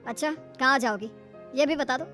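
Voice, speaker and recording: A woman's voice: sits high, normal speed, over music, natural voice. A woman voicing an easygoing young adult son in a cartoon, with a casual, dismissive manner. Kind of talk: cartoon voice acting.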